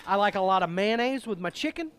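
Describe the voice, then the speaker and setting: A middle-aged man, hosting a casual cooking show in a jolly, loud, joking grill-dad manner. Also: high-pitched, expressive, fast, clear, resonant tone.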